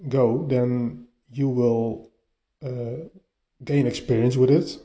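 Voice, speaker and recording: A man with a mellow voice hosts his solo podcast. He talks straight into his phone's voice-note app, so the sound is dull and lo-fi, with a little room echo from a half-furnished bedroom. He speaks haltingly and often repeats words as he restarts. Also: mid-range voice, fairly even intonation. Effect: voice recorded on a phone. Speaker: podcast host. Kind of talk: casual solo podcast monologue. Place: partly furnished bedroom, a bit echoey. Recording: lo-fi phone recording, echoey room.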